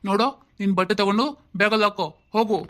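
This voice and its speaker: In an amateur homemade audio family drama, a man plays a stern husband and father who scolds his wife and son in bossy, rapid-fire bursts. His voice is high-pitched, sharp, clear, and resonant, with little pitch movement.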